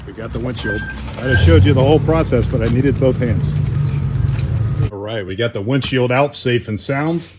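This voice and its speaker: A man of medium pitch and moderate pace hosts a casual car vlog, narrating upbeat, chatty commentary as he shows off the cars in his workshop. Heavy background noise runs through the clip.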